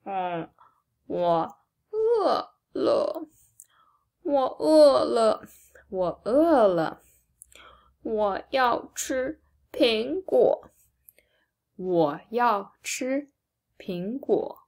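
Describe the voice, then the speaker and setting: Woman doing a hungry little storybook pig: slightly high, very slow, emphatic. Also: big pitch swings, gravelly, darkish tone, full character voice. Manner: slow, drawn-out, emphatic reading. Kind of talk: storybook read-aloud.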